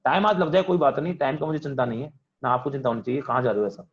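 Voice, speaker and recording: A man's voice: mid-range voice, racing, dull audio, a little hiss or hum. A man teaching physics in an online class, asking questions and answering them in a student's voice, calling on students by name. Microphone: video call.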